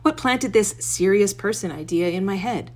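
A woman reads her own blog post aloud with wry, self-deprecating humor, then drifts into easy, casual talk. Her voice sits at an ordinary middle pitch. She records it all under a blanket in her bedroom, so the sound is close and muffled. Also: moderate pace, a little mellow. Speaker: blogger.

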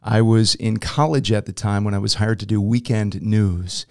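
A middle-aged man who works as a TV news anchor, talking as a podcast guest in a measured broadcaster's way with a few filler pauses. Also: fairly low pitch, steady tone, a little mellow, no room sound, clean studio sound. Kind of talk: casual interview.

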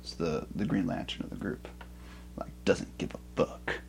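A man's voice: low voice, steady tone, moderate pace, vocal fry, darkish tone, a little hiss or hum. A man co-hosting a podcast in casual banter, hedging and thinking aloud as he goes. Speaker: podcast co-host.

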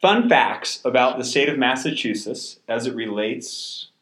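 A man's voice: mid-range voice, animated, measured pace, a bit bright, echoey room. A man co-hosting a travel podcast, chatting casually and joking with his co-host in a coworking space.

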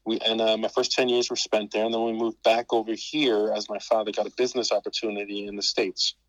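A man in his fifties, a podcast guest, talking casually and hesitantly in an interview, with many pauses and restarts. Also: fairly low pitch, little pitch movement, no room sound, dull audio.

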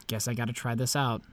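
A man's voice: medium pitch, lightly acted. A man playing an awkward, lovelorn young vampire who narrates in a self-deprecating, confiding way. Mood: reluctant, musing. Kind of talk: scripted first-person narration and dialogue.

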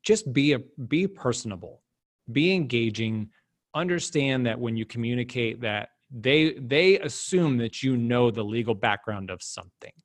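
A man speaking as a podcast guest, emphatic and animated, his pitch jumping up when he drives a point home. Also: moderate pace, no room sound. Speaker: guest, business development director. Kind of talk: casual podcast interview.

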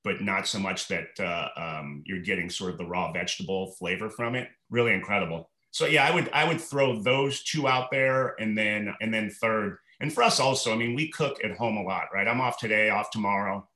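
A man in his forties, a restaurant manager guesting on a podcast, talking in a rambling, relaxed way full of fillers and restarts. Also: fairly low pitch, normal speed, few pauses, roomy sound. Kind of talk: relaxed conversational interview.

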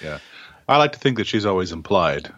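A man's voice: low-pitched, big pitch swings, fairly quick, fairly bright tone, lo-fi sound. A man co-hosting a podcast in casual chat, teasing playfully with short remarks. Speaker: podcast co-host.

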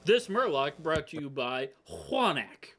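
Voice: medium pitch, very animated, slow, fairly bright tone, slight background noise. A podcast co-host who adds dry, teasing quips to the gaming chat.

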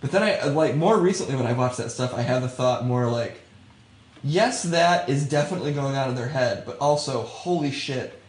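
Male podcast co-host, mid-pitch, animated casual banter, roomy echo. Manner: animated, swears freely, quick to laugh. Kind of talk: casual chat.

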